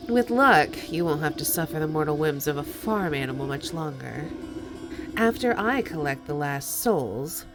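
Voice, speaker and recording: A woman voicing a stern, brooding witch, reading game dialogue in a low, measured way. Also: expressive, music in the background. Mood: dry resolve. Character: brooding witch, stern and weary of mortal things. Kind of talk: video game dialogue read aloud.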